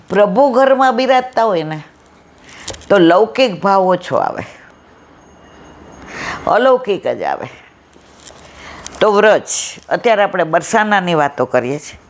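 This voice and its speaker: Slow-paced and animated, a woman with a mid-range voice pauses often as she delivers a devotional satsang. She tells stories in a conversational way, acting out the characters' words.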